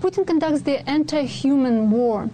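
A woman's voice: sits high, expressive, mellow, a little hiss or hum, rough recording. Woman as a live interpreter voice. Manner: live interpreter voice, translating in short halting bursts over the original speaker. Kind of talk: simultaneous interpretation in a news report.

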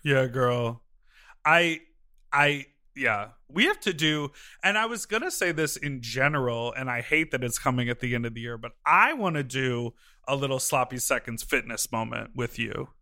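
A man's voice: mid-range voice, expressive, moderate pace, bright, forceful tone. A man in his thirties co-hosting a podcast in casual chat, campy and exclaiming. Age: 30s. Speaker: podcast co-host.

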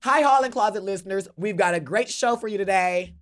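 A man co-hosting a casual comedic podcast, talking loudly in slangy, teasing banter. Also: high-pitched, brisk. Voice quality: loud. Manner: playful, teasing banter with slangy drag talk. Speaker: podcast co-host.

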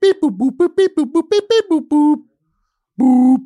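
A man doing a shrill beeping robot voice. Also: expressive, moderate pace, mellow, no room sound, studio quality. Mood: mock robotic. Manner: high-pitched robotic beep-boop noises. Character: beeping computer voice, machine. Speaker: host.

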